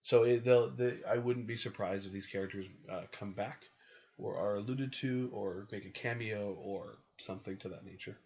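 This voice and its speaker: A man's voice: fairly low pitch, fairly even intonation, normal speed, a little mellow. A man co-hosting a podcast, talking casually and often hedging and correcting himself. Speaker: podcast co-host. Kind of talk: casual chat. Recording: dull lo-fi recording.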